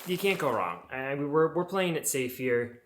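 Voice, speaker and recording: A man's voice: medium pitch, expressive, normal speed, fairly bright tone, a little hiss or hum. Casual man chatting through home updates. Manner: informal, conversational asides to viewers. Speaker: home makeover vlogger.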